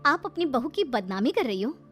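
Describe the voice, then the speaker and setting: A woman plays a young cartoon wife who speaks her mind, firm and indignant. Her voice is high and swings widely, with faint music behind. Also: expressive, normal speed. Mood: angry. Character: outspoken young wife, elder daughter-in-law.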